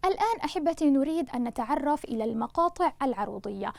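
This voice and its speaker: A woman teacher giving a recorded grammar lesson, speaking slowly and deliberately and spelling out sounds for her students. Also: high voice, animated, creaky, no room sound. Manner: slow, deliberate, spelling out syllables; addresses students warmly as loved ones. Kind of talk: online Arabic lesson.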